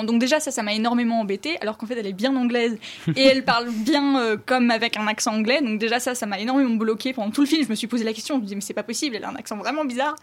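A woman reviewing a film in casual talk, hesitant, with many fillers and restarts. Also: fairly high pitch.

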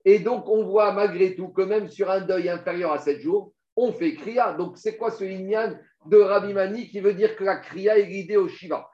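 Man, higher voice, Talmud class, reads passages then explains, dull echoey recording. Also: normal speed, few pauses. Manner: reads Aramaic passages then explains in French, asks and answers questions. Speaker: Talmud teacher.

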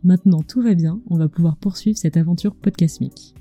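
Her voice is dark-toned and on the low side, a little fast, set against soft background music. She's a podcast host and culinary storyteller, reading a scripted narration intimately close to a screened microphone, right in the listener's ear.

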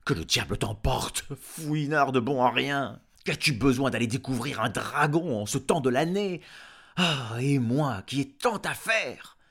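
A man's voice: on the low side, sing-song, normal speed. A man doing a blustering grumpy farmer. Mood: grumbling. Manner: blustering, scolding. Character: grumpy gruff old farmer. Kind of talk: audiobook character voice.

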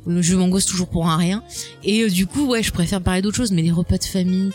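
A woman guest in a casual conversation, chatty and expressive, laughing often and swearing casually. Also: lowish voice, fast talker, faint music behind.

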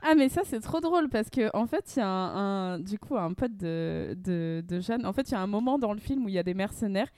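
A woman's voice: mid-range voice, expressive, fairly quick, hardly any pauses, a little mellow, no echo. Young female co-host, loose rambling delivery, dry booth sound. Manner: rambling, many fillers and restarts. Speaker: podcast co-host. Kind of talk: casual chat.

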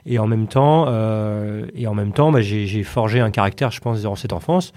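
This fairly low, slightly mellow voice belongs to a Parisian man in his late thirties, a CEO guesting on a podcast. His replies to the interviewer are relaxed but halting, full of repeated words and filler sounds.

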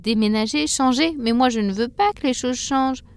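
A woman voicing a young female caterpillar, eager and easily alarmed, in a higher voice. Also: normal speed, natural voice. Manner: high, excited, anxious.

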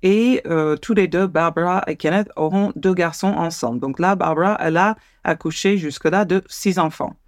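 A woman's voice: lowish voice, normal speed, hardly any pauses, no echo. Chatty woman telling a story, dry close sound. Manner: chatty, hesitant with frequent fillers. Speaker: podcast co-host, storyteller. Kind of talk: casual true-crime storytelling.

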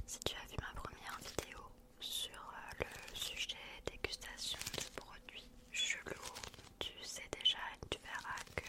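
A woman hosting an ASMR video, whispering breathily right up close in the ear, chatting casually and intimately to one listener. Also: measured pace. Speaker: ASMR video creator and host.

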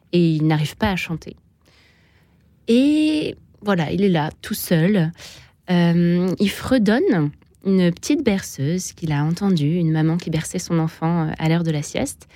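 A kindergarten teacher telling a children's story from memory in a radio studio, soft and with some fillers. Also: female voice, fairly low pitch, no echo. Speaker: kindergarten teacher, author guest. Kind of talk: oral storytelling.

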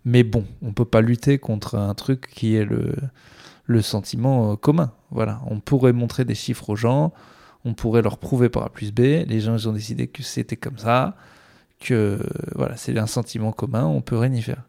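A man's voice: mid-range voice, steady tone, normal speed, creaky, warm tone. A man, a stand-up comedian, talking alone on his podcast in a rambling, sardonic way with many fillers. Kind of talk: casual solo podcast monologue.

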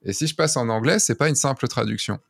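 A man's voice: medium pitch, quick pace, gravelly, breathy edge, no echo, clean studio sound. A man hosting a casual podcast interview, chatty and full of restarts. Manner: chatty, many restarts and fillers. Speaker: podcast host.

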